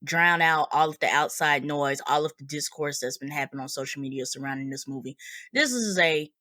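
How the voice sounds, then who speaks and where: A woman's voice: sits low, fairly quick, bright, forceful tone, no echo, studio quality. A woman hosting a review podcast, talking in an informal, slangy, conversational way. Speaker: podcast host. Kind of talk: casual movie review podcast.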